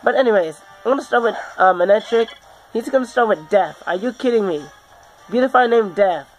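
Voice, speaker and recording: A man who is sick, hosting his gaming channel and giving halting, self-correcting video game commentary over faint background music. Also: high voice, poor audio. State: sick, under the weather.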